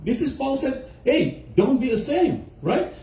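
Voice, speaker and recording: A male pastor with a high, animated voice, mellow in tone, preaching from some distance in an echoey church hall. He keeps firing rhetorical questions at the congregation and mixes English into his sermon. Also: slow, a little hiss or hum.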